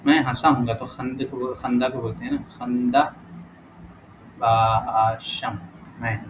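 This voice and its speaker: A man teaching a casual lesson who thinks aloud as he works through exercises, corrects himself often and reads example words out slowly. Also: mid-range voice, fairly even intonation. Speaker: language teacher. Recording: clear background noise.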